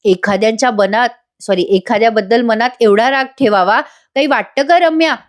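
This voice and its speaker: A woman's voice: a little high, brisk, lightly acted. A woman voicing a young man from a TV serial who angrily scolds his family, in a stern, reproachful way. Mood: scolding.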